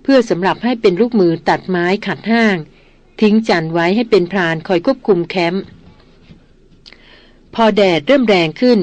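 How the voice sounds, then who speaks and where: Steady audiobook narrator, woman, mid-pitched, close dry recording. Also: moderate pace, long pauses, no echo. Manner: steady storytelling. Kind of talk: scripted novel narration.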